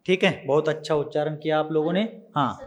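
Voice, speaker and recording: A man's voice: a little high, fairly quick. A man teaching a religious text, patiently drilling pronunciation word by word and then explaining each term. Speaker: scripture teacher.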